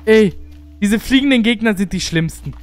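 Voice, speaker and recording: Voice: medium pitch, lively intonation, moderate pace, no room sound, soft background music. A gaming video creator giving casual let's play commentary, exclaiming and complaining aloud as they play.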